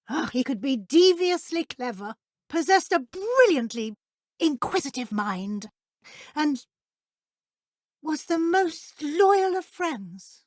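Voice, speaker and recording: A brisk, kindly witch professor in middle age for a fantasy video game. Her British voice sits a little high. She speaks in precise, formal, instructive phrases, recorded very dry with no room sound. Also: no room sound. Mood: solemn, fond.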